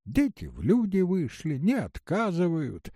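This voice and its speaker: A man's voice: sits high, huge pitch swings, a little slow, dark tone, breathy edge, dry recording, clean studio sound, heavily acted. A man reading an audiobook, voicing a touchy, dreamy old village woman who speaks earnestly. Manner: earnest, plaintive, musing.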